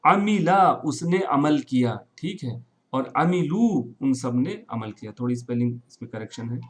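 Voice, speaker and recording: A man's voice: mid-range voice, lively intonation. A man teaching Arabic verbs in Urdu, mixing in English words, repeating forms and often checking with "right?". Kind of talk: classroom-style recorded lesson.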